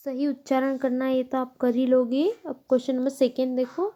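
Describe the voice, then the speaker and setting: A woman teacher slowly walking children through a lesson, explaining each step patiently and correcting herself as she goes. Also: sits high, little pitch movement, noisy background. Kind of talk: Hindi grammar lesson.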